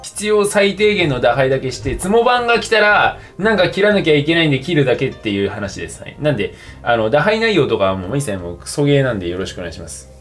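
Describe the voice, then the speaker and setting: A man's voice: mid-range voice, big pitch swings, fast talker, few pauses, a bit bright. A tipsy young man chatting casually and rambling in slangy speech as he livestreams a game over drinks. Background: game music.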